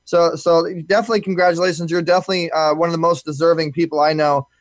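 A man's voice: a little high, flat delivery, quick pace, no room sound. A man hosting a live talk show, rambling and repeating words as he talks. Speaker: host.

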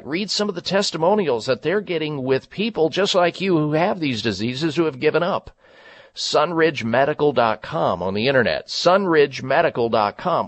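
Animated male radio host, higher-pitched voice. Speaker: radio talk show host. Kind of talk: health radio talk, promotional plugs.

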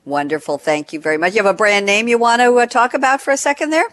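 A woman's voice: mid-range voice, big pitch swings, quick pace, a bit bright, dry recording. An older American woman hosting a radio show in a chatty, playful, theatrical way, repeating phrases for effect.

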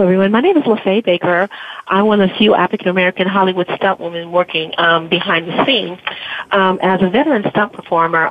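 A middle-aged woman calling in as a guest, her phone connection breaking up and cutting off her word endings as she explains with frequent ums. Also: on the low side. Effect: choppy phone connection cutting out word endings. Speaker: guest caller, stunt performer. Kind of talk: call-in interview. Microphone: phone call. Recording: dull, lo-fi phone line that keeps dropping out.

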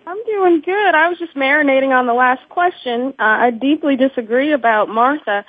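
A woman's voice: high voice, normal speed, no echo. A woman from Georgia calling in to a radio show over a thin, clipped telephone line, chatty and laughing between remarks. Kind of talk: casual phone chat. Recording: narrow-band phone call, dry.

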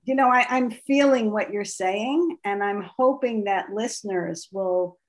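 A woman hosting a podcast interview, speaking haltingly with frequent restarts. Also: medium pitch, poor audio. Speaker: podcast host.

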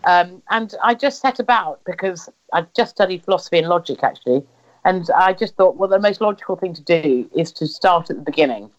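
An Englishwoman with a lowish voice speaks animatedly and a little fast, recounting family history as an interviewee. She tells personal family stories conversationally, acting out remembered dialogue along the way, in her English accent. The sound is slightly dull and lo-fi.

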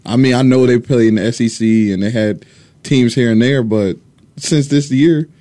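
A man's voice: mid-range voice, moderate pace, warm tone. A man co-hosting casual sports talk, easygoing, chiming in to back up the host.

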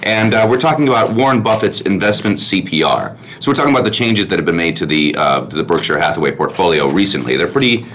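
A man's voice: sits low, animated, fast, few pauses, fairly bright tone. A man hosting a financial talk radio show in a conversational style. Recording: dull lo-fi sound, faint noise.

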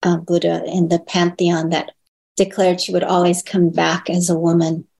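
A woman born in Hong Kong and raised in the United States, a guest in an interview, speaking thoughtfully with pauses and restarts and lifting her voice when she quotes others. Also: on the low side, monotone, gravelly, darkish tone. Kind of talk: reflective personal interview.

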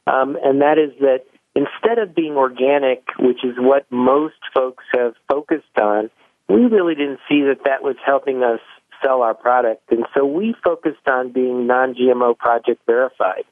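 A man's voice: medium pitch, moderate pace, no room sound. A man, a company founder, telling a folksy story in an interview and acting out both sides of the conversations he recalls. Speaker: chocolate company founder, guest. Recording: dry, tinny phone line.

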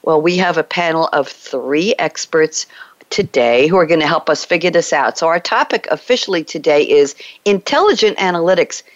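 A woman hosting a business podcast panel, bubbly and quick to laugh, on muffled lo-fi audio. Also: low-pitched, expressive, dry recording. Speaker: show host.

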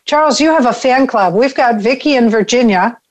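A woman with a slightly high voice hosts a talk show. Her delivery is conversational as she moves the program along. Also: brisk.

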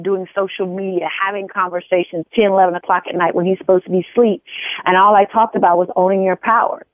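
Over a tinny phone line with no echo, a medium-pitched woman in her forties speaks as an empowerment coach guesting on an interview. The conversation is casual, and she's earnest, repeating phrases for emphasis.

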